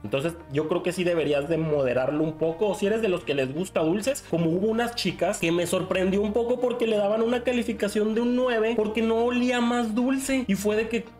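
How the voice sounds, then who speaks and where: A man's voice: high-pitched, fairly quick, hardly any pauses, a little mellow, faint music behind. A man in his thirties with a Mexican accent, chatting casually and expressively through a perfume review at home. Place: small home room, indoors.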